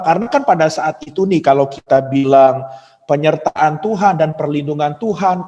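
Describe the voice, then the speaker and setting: A man's voice: a little high, darkish tone. A man hosting a church discussion, reading out questions and summing up the speaker's points in a conversational way. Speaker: host. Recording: dull reverberant hall sound.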